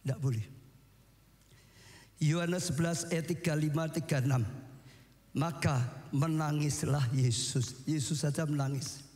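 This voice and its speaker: A man preaching a sermon as pastor, with sweeping pitch swings and shouted peaks. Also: vocal fry, long reverb tail.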